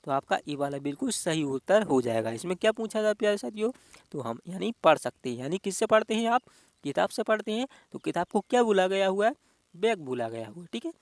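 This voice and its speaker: A man's voice: high voice, sing-song, fairly quick, dry recording. A man teaching an exam-prep reasoning lesson. He talks in a repetitive, coaxing way and keeps addressing the viewers as dear friends.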